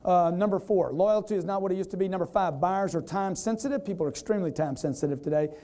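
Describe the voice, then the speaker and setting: A man giving an energetic live sales seminar, quizzing the audience and acting out customers in quoted voices. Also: high-pitched, fast talker. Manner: energetic, repetitive, keeps quizzing the crowd. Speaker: sales trainer.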